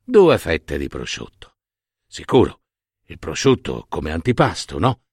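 A man's voice: low-pitched, sing-song, slow pace, dry recording, clean studio sound, exaggerated voice. A man voicing a humble, good-hearted old shoemaker in a storybook tale, speaking plainly with a grumble. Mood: homely.

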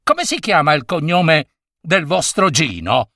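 Man voicing a fussy polite mother, middle-aged, slow, bright tone. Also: a little high, sing-song, no room sound, clean studio sound, recorded from a distance, heavily acted.

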